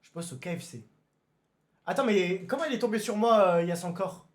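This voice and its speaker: A young man streaming live, chatting casually with his viewers, excitable and given to sudden shouted exclamations before calming down again. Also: high-pitched, moderate pace. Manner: excitable, bursts into shouted exclamations then calms down. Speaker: livestreamer. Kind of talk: casual livestream chat with viewers.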